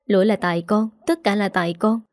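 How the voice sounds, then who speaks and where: A woman gives voice to a remorseful young man, sounding apologetic and choked up. Her medium-pitched, darkish voice is fairly even, a little fast, and close to everyday speech, recorded cleanly in a studio with no room sound.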